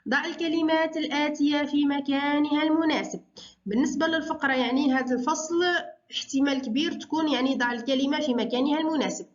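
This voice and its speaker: Algerian lady going over exam answers, high voice, kinda lo-fi dull sound, quick chatty explaining then slow careful reading. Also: steady tone. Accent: Algerian Arabic. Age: adult parent. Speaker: tutor explaining exam prep to parents. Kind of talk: exam walkthrough lesson.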